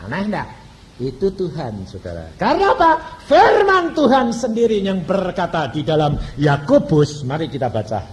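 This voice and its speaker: A man's voice: a little high, huge pitch swings, normal speed. A male pastor from Indonesia, preaching a sermon with dramatic swings in volume.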